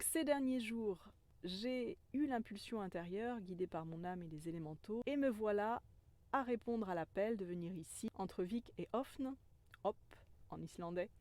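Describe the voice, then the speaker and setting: A woman who calls herself a medicine woman tells a spiritual story in a gentle, earnest way. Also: mid-range voice, animated, moderate pace, dry recording. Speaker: spiritual guide, self-described medicine woman.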